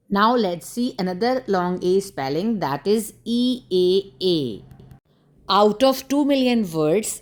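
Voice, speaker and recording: A woman gives a children's phonics lesson at a very unhurried pace. She sounds out each letter and word deliberately, and her pitch sits in an ordinary middle range. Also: darkish tone. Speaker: phonics teacher.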